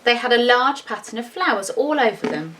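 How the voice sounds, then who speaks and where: Reading a storybook to children, this schoolteacher has a fairly high-pitched, expressive voice and talks a little fast. Along with her expressive reading, she makes informal, chatty remarks as she displays the pictures. A distant mic records her, and faint background noise can be heard.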